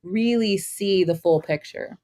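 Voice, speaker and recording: A woman's voice: medium pitch, a little slow, mellow. A woman hosting an interview, talking in a casual, encouraging way with frequent "like". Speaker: host.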